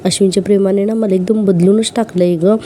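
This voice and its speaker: A woman's voice: medium pitch, fairly even intonation, fast, dark tone, close to an everyday voice. A woman voicing a sly young wife who talks in a sugary, ingratiating way. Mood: fawning.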